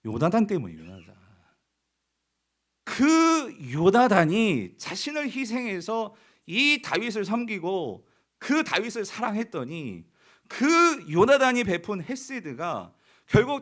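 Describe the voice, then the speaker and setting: A male pastor delivers a sermon in a fairly high voice whose pitch leaps and falls all over. He preaches emphatically, firing questions at the congregation. He acts out quoted lines with drama. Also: fairly bright tone.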